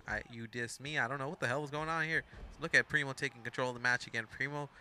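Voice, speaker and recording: A young Mexican man gives fast, casual play-by-play of a wrestling video game storyline as a fan commentator, rambling and chatty, correcting himself and dropping in asides. His medium-pitched voice is very bright and sharp, with fairly even intonation, and a faint hiss sits underneath.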